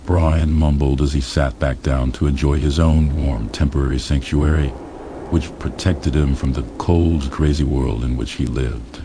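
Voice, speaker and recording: A man reading a crude comedy story aloud in a deadpan, matter-of-fact way. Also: extremely low pitch, a little slow, background noise. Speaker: audiobook narrator.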